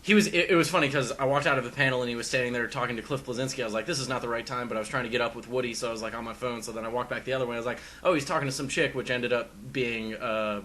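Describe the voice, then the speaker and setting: A man's voice: mid-range voice, fairly even intonation, very fast, hardly any pauses, sharp tone, slight background noise. A man hosting a casual gaming podcast, telling stories in a rambling way with many fillers and restarts. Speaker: podcast host. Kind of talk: casual chat.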